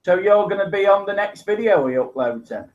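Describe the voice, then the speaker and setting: A man chats casually as a guest on a live stream, often stopping and restarting his sentences. His voice sits fairly high, and the audio comes through dull and lo-fi. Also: lively intonation, a little fast. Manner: hesitant, many restarts, laughs along.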